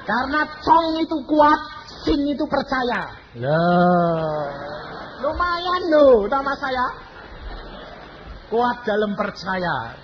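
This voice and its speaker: A man's voice: slow, a little hiss or hum. An older man, preaching a sermon and telling personal stories, acting out the dialogue with shifting voices. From Indonesia. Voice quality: animated, acts out dialogue with shifting pitch. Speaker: evangelist preacher. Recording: slightly dull recording with faint ambience.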